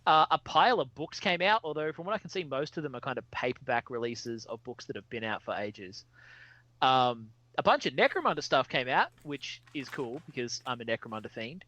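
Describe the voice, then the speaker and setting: A man co-hosting a casual podcast, animated and rambling, who swears casually. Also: medium pitch, a little fast, dry recording, dull audio. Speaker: podcast co-host.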